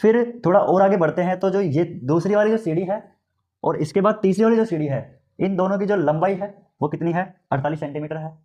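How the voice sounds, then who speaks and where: Chatty, slightly high-voiced male math teacher. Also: fairly quick, warm tone. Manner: conversational, checks understanding with frequent "ठीक है?"; repeats steps and asks the listener questions. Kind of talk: classroom lesson.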